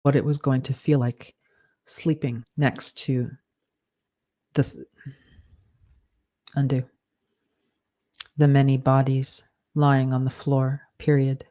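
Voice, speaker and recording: Slow, flat voice dictating a story. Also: medium pitch. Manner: measured, flat dictation, spelling out punctuation and corrections. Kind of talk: dictating fiction aloud with spoken punctuation commands.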